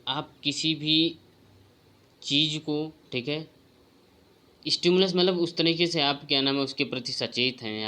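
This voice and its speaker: Male tutor, exam-prep lecture, bright, forceful tone, asks and answers his own questions. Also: medium pitch.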